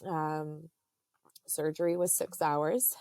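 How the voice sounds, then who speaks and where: A woman in her thirties, a podcast guest, telling a personal story in a halting, earnest way with many fillers. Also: low voice, steady tone, a little mellow, no room sound, clean studio sound.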